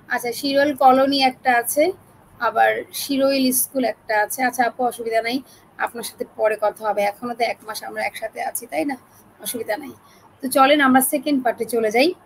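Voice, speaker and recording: A woman with a high voice leads a live online class from her computer mic, speaking gently because of a sore throat. Her tone is chatty and friendly as she greets each participant, and a faint hiss of background noise sits under her voice. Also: fairly even intonation, moderate pace, low-quality recording. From Bangladesh. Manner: chatty, friendly, addresses listeners as apu.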